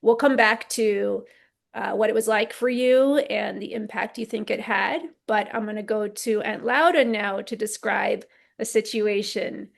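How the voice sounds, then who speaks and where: A woman hosting a casual family discussion, affirming and reflecting back in a measured way. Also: medium pitch, fairly even intonation, gravelly. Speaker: host and therapist.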